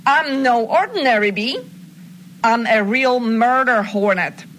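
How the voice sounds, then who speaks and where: A woman's voice: fairly high pitch, expressive, measured pace, fairly bright tone, a little hiss or hum. A woman playing a lovesick, menacing female hornet in a scripted drama, taunting like a foiled villain. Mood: smug, taunting. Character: female murder hornet, reincarnated obsessive jilted lover, menacing.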